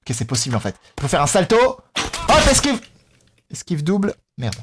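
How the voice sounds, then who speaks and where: A man hosting a gaming video, excitably commenting on his play, shouting at the game and joking with the characters on screen. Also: fairly high pitch, fast, background noise. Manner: jokey, talks to the characters on screen.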